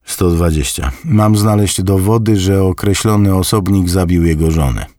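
A man's voice: low-pitched, normal speed, mellow, dry recording, studio quality, pitched above the performer's own voice, close to an everyday voice. A man voicing a wry grandson working as a private investigator in an audiobook. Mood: casual. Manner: wry, reasoning aloud. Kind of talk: audiobook reading.

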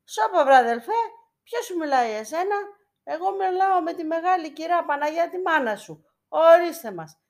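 A woman's voice: mid-range voice, expressive, a little mellow, lightly acted. A woman voicing a poor village man who coaxes and pleads for coins before church icons. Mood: indignant. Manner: pleading, coaxing with endearments.

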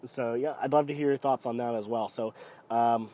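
A man with a head cold that deepens his voice, giving casual, rambling, opinionated solo football commentary as a podcast host, often hesitating. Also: fairly even intonation, normal speed, warm tone. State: sick with a cold.

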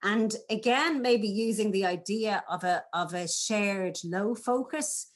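A woman, a drama teacher talking through classroom exercises in an interview, animated and playful. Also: medium pitch, measured pace. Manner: animated, demonstrates lines in varied voices. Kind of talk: conversational interview.

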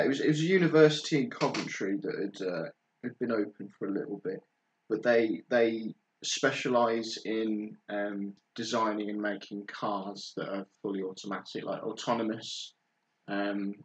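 A man's voice: on the low side, moderate pace, rough recording. A young man, a podcast guest, tells a story in casual chat, stopping often on fillers. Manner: hesitant storytelling with many fillers.

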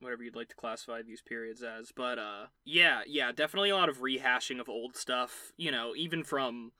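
A man's voice: mid-range voice, brisk, sharp tone, no room sound. A man in his twenties co-hosting a podcast, talking in a loose, joking way with plenty of fillers. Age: 20s. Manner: laid-back, joking, loose phrasing with fillers. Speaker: podcast co-host. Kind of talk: casual chat.

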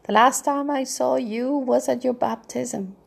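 Firm, worldly older aunt, husky and gravelly, voiced by a woman reader. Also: high-pitched, steady tone, voice pushed up, full character voice. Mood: brisk. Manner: firm and brisk.

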